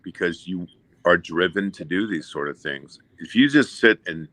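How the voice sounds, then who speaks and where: A man in his fifties with a very low, deep voice gives measured, encouraging advice in relaxed conversation. He speaks steadily and seriously. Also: no room sound. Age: 50s. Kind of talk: casual chat.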